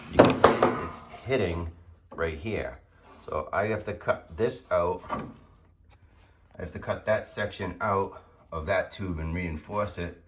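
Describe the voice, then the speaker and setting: In a garage workshop, a hoarse, deep-voiced man casually walks through the car he's building, explaining it with lots of fillers and restarts. Background noise can be heard.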